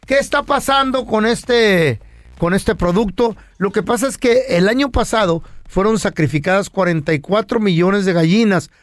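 A man's voice: high voice, moderate pace, dry recording. A man with a Mexican accent hosting a radio show, telling slangy, joking anecdotes. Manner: playful storyteller, slangy.

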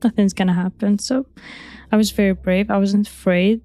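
A young woman whose first language is Arabic, recounting her own experience in halting speech, repeating words with soft nervous laughs. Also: mid-range voice, steady tone. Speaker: interviewee. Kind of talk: recounting personal testimony.

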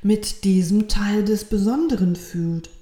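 Eager wondering little soul, a woman doing it, a bit impatient, higher and brighter than the narration, roomy echo. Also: measured pace, natural voice.

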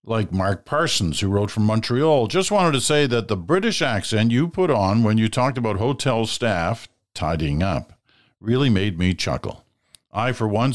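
A man with a very deep voice hosts a talk show. He reads listener letters and chats loosely, filling pauses with ums and poking fun at himself. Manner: self-deprecating, chatty, with fillers. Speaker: podcast host. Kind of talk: casual show hosting, reading listener letters.

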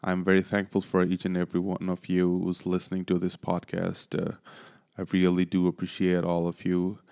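A man, hosting his own podcast in an earnest, halting way with many fillers. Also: low voice, completely flat delivery, gravelly, mellow, clear, resonant tone. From Nepal. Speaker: podcast host. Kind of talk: solo podcast monologue.

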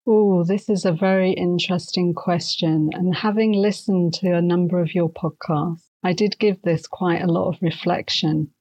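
A woman's voice: on the low side, steady tone, normal speed, hardly any pauses, darkish tone. A woman from northwest England, a podcast guest, who tells her story in an enthusiastic, reflective way. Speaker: guest, insights specialist and coach. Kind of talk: podcast interview.

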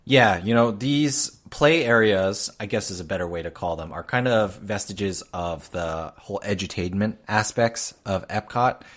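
Deep-voiced man chatting casually. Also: animated, normal speed, hardly any pauses, a bit bright. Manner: conversational, many fillers. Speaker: podcast co-host. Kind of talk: casual chat.

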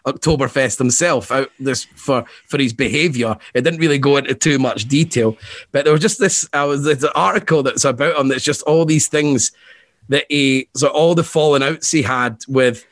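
A man's voice: mid-range voice, moderate pace, no room sound. A man, co-hosting a casual football chat, rambling and laughing often. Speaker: podcast co-host.

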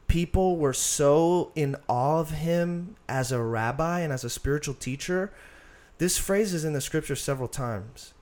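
Earnest, animated man talking faith. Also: fairly high pitch. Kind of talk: casual conversation.

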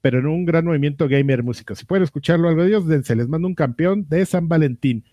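A man's voice: fairly high pitch, fast talker, warm tone, no echo. A man with a Mexican accent co-hosting a podcast in casual, slangy, hesitant chat. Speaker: podcast co-host.

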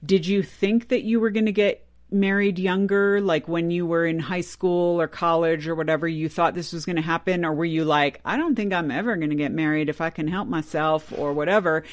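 A woman hosting a talk radio show in casual chat, chatty with quick asides and fillers, at a studio microphone. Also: fairly low pitch, steady tone, dry recording. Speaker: podcast host.

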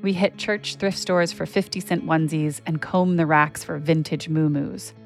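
A woman with a low voice and a gravelly edge tells her own story as a podcast host. Her scripted narration is intimate and reflective. Faint music plays underneath. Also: fairly even intonation, moderate pace.

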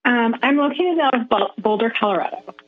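A woman calling in to a radio show, speaking hesitantly with pauses and restarts over a choppy phone line that keeps cutting out. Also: fairly high pitch, expressive, no room sound. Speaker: caller. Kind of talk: call-in radio chat. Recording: tinny dry phone line.

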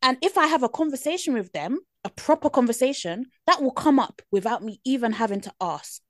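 In a casual podcast chat, a young British-accented woman speaks earnestly and animatedly, often checking "do you know what I mean". Her voice is high-pitched and brisk, with no room sound.

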